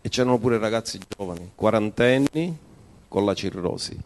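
A man preaching a sermon as pastor, dropping to a low, quiet voice and rising in emphatic bursts. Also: normal speed.

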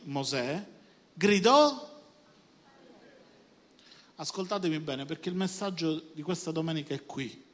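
A man preaching a Sunday sermon as pastor, swinging between quiet stretches and sudden loud bursts, often asking the congregation if they are with him. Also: high-pitched. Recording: hall reverb.

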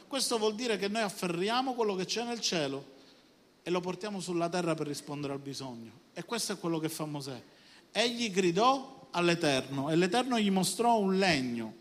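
A high-voiced pastor preaches a Sunday sermon, swinging between quiet stretches and sudden loud bursts and often asking the congregation if they are with him. The recording carries hall reverb.

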